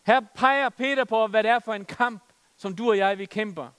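A man's voice: sits high, a bit bright, smooth, long reverb tail. A middle-aged man preaching a sermon, telling stories with humor and reading scripture with emphasis.

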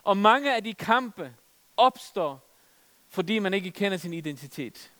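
Middle-aged preacher, resonant voice, animated sermon delivery in a church hall. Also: male voice, high voice. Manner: animated storytelling with humor, fillers and emphatic scripture reading.

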